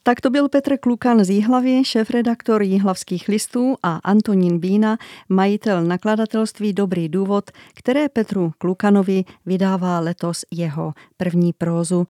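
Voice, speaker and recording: A radio host closes the interview and politely thanks the guests. The tone is mellow and dark. The studio sound is dry. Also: mid-range voice, fairly even intonation, no room sound. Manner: formal, polite.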